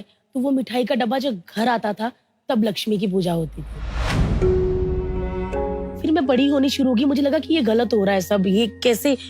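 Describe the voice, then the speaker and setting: Woman interview guest from India, unhurried heartfelt storytelling, fairly high voice, faint music underneath. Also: dark tone. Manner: slow, earnest, mixing English words into Hindi.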